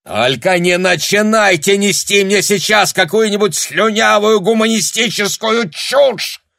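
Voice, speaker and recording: A man's voice: sits high, a little slow, vocal fry, pushed and bright, no room sound, studio quality, voice pushed up, heavily acted. A male narrator voicing a furious German army captain who bellows and rants with contempt in an audiobook. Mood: raging.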